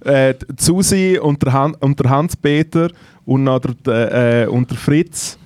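A man's voice: medium pitch, a little slow, a little mellow, no echo. A young man with a Swiss German accent co-hosting a podcast, teasing his partner with dry comebacks. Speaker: podcast co-host. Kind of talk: casual podcast banter.

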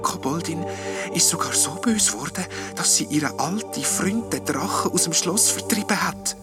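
A man voicing a small, sad and hopeful ghost, speaking softly in a whispery way in a storybook reading. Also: fairly high pitch, lively intonation, normal speed, loud music behind the voice, voice pushed up, close to an everyday voice. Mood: hopeful hushed. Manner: soft and whispery.

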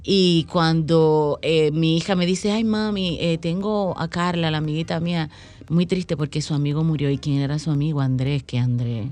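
Low-voiced woman telling a story earnestly. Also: fairly even intonation, normal speed, darkish tone. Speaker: guest promoting a stage play. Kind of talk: radio interview.

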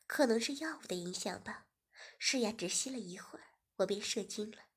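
A woman narrating a story, reading evenly and sometimes dropping into a soft whisper. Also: medium pitch, lively intonation, a little fast, slightly rough.

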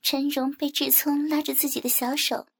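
A woman reading a story aloud as narrator in a smooth, even storytelling delivery. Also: high-pitched, normal speed. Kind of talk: scripted narration.

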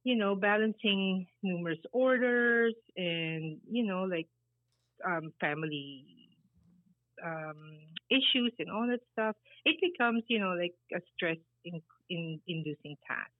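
A middle-aged baker and business founder from the Philippines is an interview guest, giving meandering answers packed with fillers and laughing easily. Her voice is fairly low and measured, coming over a tinny, dry line with no room sound.

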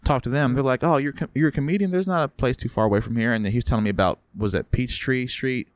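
A man swapping stories on a podcast, his speech loose, rambling and sprinkled with curses. His voice sits at an ordinary middle pitch and sounds close and dry, with no room sound around it. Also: fast, dry recording. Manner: rambling, profane, restarts a lot. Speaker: podcast co-host and comedian. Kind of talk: casual storytelling chat.

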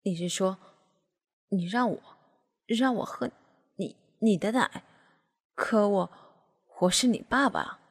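A stammering middle-aged father, flustered and hesitant, as a woman puts him on. The voice sits low and swings widely in pitch, with a husky, breathy edge. It trails off into a long echo. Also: sing-song, normal speed, heavily acted.

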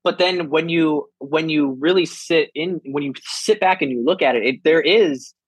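A man's voice: fairly high pitch, moderate pace, husky, no room sound, rough recording. A man in his twenties, a comedian and military veteran, talking casually and rambling with many restarts and free swearing. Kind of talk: casual podcast conversation.

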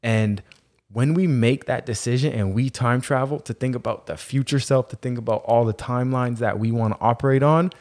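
A man's voice: mid-range voice, fairly quick, darkish tone. A man hosting a podcast in an earnest motivational spiritual monologue, using Rasta-style turns of phrase and repeating key phrases for emphasis. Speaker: podcast host.

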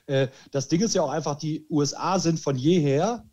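Male podcast host, slightly higher voice, animated, lots of restarts. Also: moderate pace. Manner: animated, frequent restarts and filler words. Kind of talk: casual chat. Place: lives in Spain.

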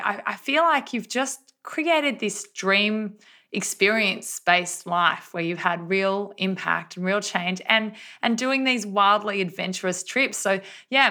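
A woman with a bright, forceful voice hosting a podcast. She speaks with eager enthusiasm, heaping praise on her guest between questions. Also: mid-range voice. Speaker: podcast host. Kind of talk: podcast introduction and interview.

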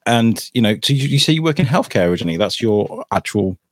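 A man's voice: mid-range voice, animated, quick pace, no room sound, studio quality. A British man in his thirties hosting a podcast, chatting casually and rambling as he repeats words. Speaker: podcast host. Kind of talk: casual chat.

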